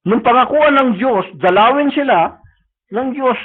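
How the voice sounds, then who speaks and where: Male preacher, very high voice, bilingual sermon delivery, tinny phone-like stream audio. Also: a little slow. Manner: mixes Tagalog and English, frequent tag questions. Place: church service.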